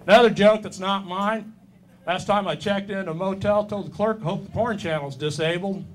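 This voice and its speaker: Fifties male stand-up, dry self-deprecating delivery, slightly high voice, faint room hiss. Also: moderate pace. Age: 50s. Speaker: stand-up comedian. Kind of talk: stand-up set.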